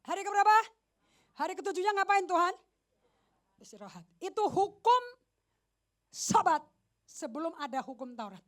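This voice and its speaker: A woman pastor giving a lively, joking sermon at a church service, slipping in English phrases and often asking the congregation questions. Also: very high voice, moderate pace, long pauses. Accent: Indonesian. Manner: animated, mixes English phrases, jokes with the congregation.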